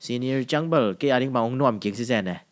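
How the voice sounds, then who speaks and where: A man's voice: mid-range voice, quick pace. A man hosting a podcast interview in casual chat, mixing English phrases in as he gives advice. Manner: mixes English into talk, gives advice eagerly. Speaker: podcast host.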